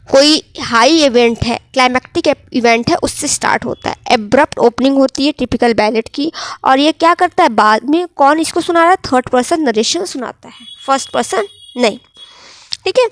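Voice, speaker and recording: A woman with a high voice gives an exam-prep literature lecture. She keeps asking questions and answering them herself, and slows right down for quoted verse. The sound is dry and close. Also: no room sound. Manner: reads English verse slowly, then explains it. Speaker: literature teacher.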